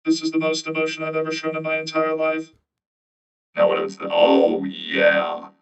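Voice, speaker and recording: A man's voice: a little high, very animated, moderate pace, creaky, heavily acted. A male streamer talking through a voice changer that morphs his voice, playfully trying out silly voices. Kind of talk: casual live-stream banter. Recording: dull lo-fi sound with loud music. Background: music playing.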